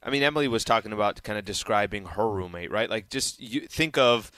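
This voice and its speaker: Bright, forceful male radio co-host. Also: fairly low pitch, brisk, no echo. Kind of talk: casual banter.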